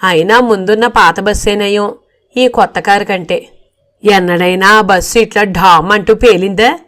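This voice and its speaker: A woman's voice: mid-range voice, moderate pace, a bit bright, natural voice. A woman voicing a fussy, easily flustered old mother-in-law who frets and asks anxious questions in a storybook reading. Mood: grumbling.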